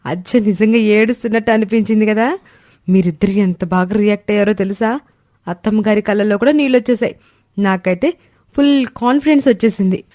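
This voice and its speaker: A woman voicing a dramatic young daughter-in-law who dreams of being an actress, in an animated story. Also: mid-range voice, brisk, dry recording, studio quality, pitched above the performer's own voice, lightly acted. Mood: boastful. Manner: tearful pleading then showy and boastful.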